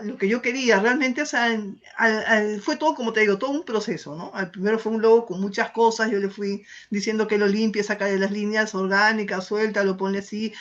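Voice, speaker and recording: A woman's voice: mid-range voice, muffled recording. A woman in a workshop telling a story in a chatty way, acting out bits of dialogue and often restarting her sentences. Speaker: workshop participant. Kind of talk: casual anecdote in class.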